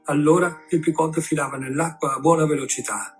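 Male narrator, classic novel reading, slightly high voice, soft music under it. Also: brisk. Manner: steady literary reading.

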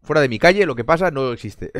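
A man's voice: a little high, a bit bright, no echo. A man from Spain chatting casually on a live stream, answering chat with sarcastic jokes, frequent swearing and bursts of laughter.

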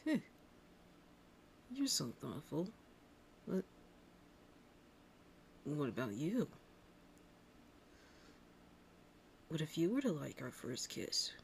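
A woman voicing a shy, flustered young male cartoon hedgehog hero in love, husky and hesitant, in an intimate ASMR roleplay. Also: low-pitched, huge pitch swings, slow pace, pauses often, a little hiss or hum, voice pushed down, full character voice. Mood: hesitant, soft. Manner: hesitant, stammering, bashful.

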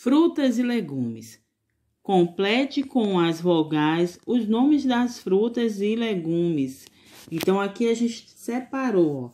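Woman preschool teacher, slow and patient, warm low tone, sounds out each syllable gently. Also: very animated. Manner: gentle coaxing with diminutives. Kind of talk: recorded online lesson for young children.

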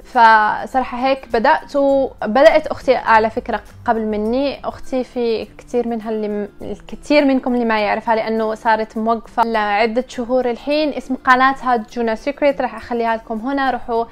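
Young Moroccan woman, casual vlog chat, quick and slightly high. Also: steady tone. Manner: chatty, mixes English words. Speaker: vlogger.

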